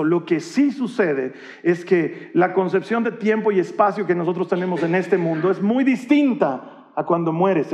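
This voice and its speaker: A male pastor, preaching a sermon with animated delivery and humorous acted-out Bible scenes. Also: high-pitched, big-room sound, highs cut off.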